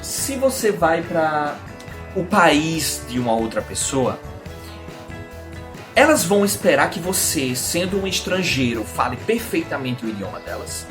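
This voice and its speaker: A man's voice: a little high, sing-song, unhurried, over music. A Brazilian man, an English teacher, explaining in a casual video lesson and answering his own questions. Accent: Brazilian Portuguese.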